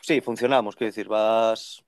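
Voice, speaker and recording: Animated young bookseller, smooth dry voice. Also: male voice, fairly low pitch, moderate pace, no echo. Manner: animated, talks in long runs and acts out quoted voices. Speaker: second-hand bookseller. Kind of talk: casual conversational interview. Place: bookshop with full shelves behind. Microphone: video call webcam.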